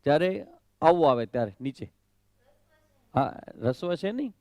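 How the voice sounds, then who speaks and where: A man's voice: on the high side, big pitch swings, measured pace, dark tone. A swami teaching correct Sanskrit pronunciation of the Gita, drilling syllables over and over, questioning his students and slipping in English phrases. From Kutch, Gujarat.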